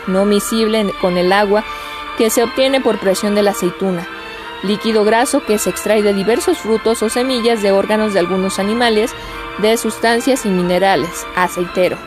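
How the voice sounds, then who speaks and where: A woman reading dictionary entries aloud in a steady list-like cadence, often stumbling and restarting words. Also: mid-range voice.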